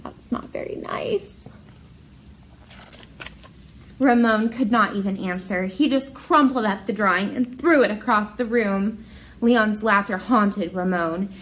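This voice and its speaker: In an unhurried, mid-range voice, a woman shares a picture book with young pupils and speaks straight to them. She is an expressive, encouraging teacher.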